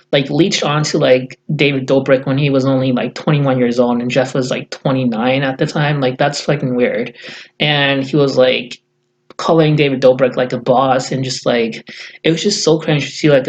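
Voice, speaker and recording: A man delivers a casual vlog rant in a mid-pitched voice roughened by gravelly fry. He talks bluntly and profanely, rambling through many fillers. He has just woken up. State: just woke up. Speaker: YouTuber.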